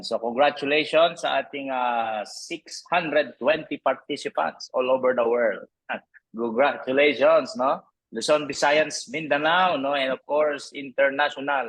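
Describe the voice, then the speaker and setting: A man in his thirties hosting a live online sales training, upbeat and chatty, who keeps tagging his sentences with a quick "no?", heard through an online meeting microphone. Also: medium pitch, fairly bright tone, poor audio.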